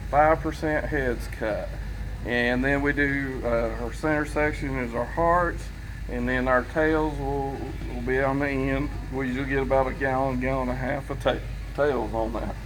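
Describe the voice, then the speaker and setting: A man's voice: mid-range voice, fairly even intonation, normal speed, rough recording. A man giving an informal, folksy guided tour as a distillery owner, explaining things in a hesitant way. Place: inside a working distillery. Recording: loud machinery and room noise behind.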